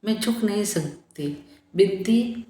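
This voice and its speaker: A woman's voice: medium pitch, expressive, slow pace, mellow. Woman doing a feverish dying girl in an audiobook, weak pleading voice, echoey room. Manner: weak, pleading, turns frightened and delirious.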